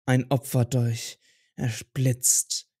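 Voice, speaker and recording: Slow husky game master. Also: male voice, medium pitch, flat delivery, mellow, dry recording, clean studio sound. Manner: slow, atmospheric narration. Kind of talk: narrating an audio role-play.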